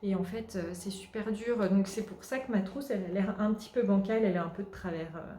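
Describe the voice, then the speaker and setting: A woman hosting a craft podcast, casually showing her work and pausing often with fillers. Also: medium pitch, warm tone. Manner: hesitant, many filler pauses. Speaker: podcast host. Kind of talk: casual show-and-tell chat. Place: at home. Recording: roomy echo.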